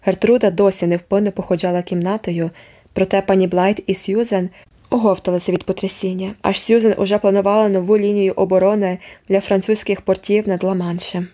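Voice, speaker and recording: A woman narrating a novel as an audiobook in a measured, expressive reading. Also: mid-range voice. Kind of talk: scripted narration.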